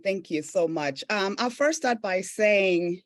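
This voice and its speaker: A business owner and coach from Tanzania and Zambia in East Africa tells her personal story as a podcast guest, earnest and reflective, often tagging sentences with "right?" Her mid-range voice is expressive and slow.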